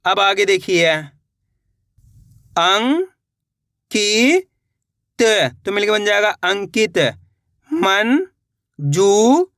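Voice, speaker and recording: A man's voice: sits high, flat delivery, moderate pace, gravelly, few pauses, bright, forceful tone, no echo, studio quality. A man teaching Hindi reading, sounding out each word syllable by syllable and repeating it, encouraging his viewers. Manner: encouraging, addresses viewers as friends. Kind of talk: slow spelled-out reading lesson.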